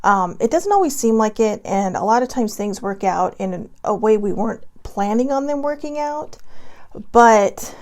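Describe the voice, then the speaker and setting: Doing a card reading on a casual livestream from home, a Hawaii-raised vlogger rambles along, giggling and bubbly. Her voice is a little high and a little mellow, animated and at normal speed.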